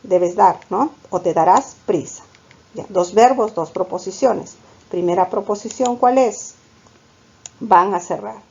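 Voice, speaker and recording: In this classroom lecture, a female language teacher speaks Spanish with a Peruvian accent, addressing the students as "chicos" and supplying answers to her own grammar questions. The voice is medium-pitched, darkish and a bit rough, delivered at a measured pace, with the high frequencies cut off.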